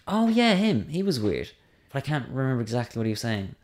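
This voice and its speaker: A man's voice: medium pitch, sing-song, fast. A man, a stand-up comedian, chatting casually on a podcast in a hesitant, self-deprecating way, often trailing off mid-sentence.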